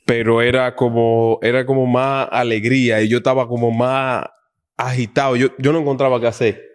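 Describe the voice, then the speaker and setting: Young man in his twenties, podcast guest, animated storytelling with acted-out quotes. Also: mid-range voice, moderate pace, clear, resonant tone. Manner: animated, acts out quoted dialogue. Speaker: guest baseball player. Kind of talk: casual storytelling interview.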